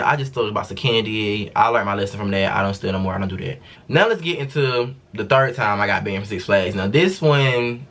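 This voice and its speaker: A man's voice: on the low side, a bit bright. Slangy, profane young man with a drawl. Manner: casual, profane, slangy storytelling. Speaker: vlogger. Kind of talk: storytime vlog.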